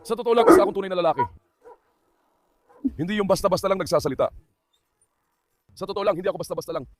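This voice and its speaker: Isang lalaking nagkukuwento sa mga manonood habang inaalo ang kanyang mga aso. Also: male voice, sits high, fast talker, slight background noise. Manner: talks to viewers and coaxes his dogs. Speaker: dog owner narrating his dogs. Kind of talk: casual vlog commentary.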